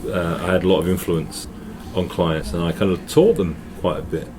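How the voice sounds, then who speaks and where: A middle-aged Englishman with an English accent is a guest in casual chat, telling stories in a noisy hotel and often restarting with repeated words. His low voice holds a steady tone at normal speed and sounds a little mellow.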